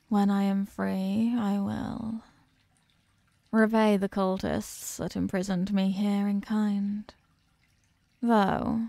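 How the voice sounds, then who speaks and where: In a scripted ASMR horror roleplay, a woman voices an ancient female eldritch being who is possessive and seductively menacing, treating mortals as tiny things beneath her. Her low-lit, mellow voice sounds very close and dry, with nothing between her and the listener, and every word is slow, deliberate, condescending and commanding. The mood is coldly menacing, and the recording itself is creaky and dry.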